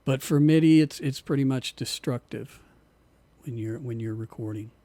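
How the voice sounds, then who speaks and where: A man teaching an online music production class in a relaxed way, often repeating himself as he explains, and losing his voice. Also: medium pitch, normal speed.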